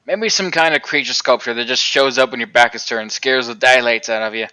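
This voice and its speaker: A man voicing a calm, easygoing alien space traveler, reading game dialogue aloud on a live stream in a laid-back, musing, gently teasing way. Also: mid-range voice, a little fast, smooth, lightly acted. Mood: playful.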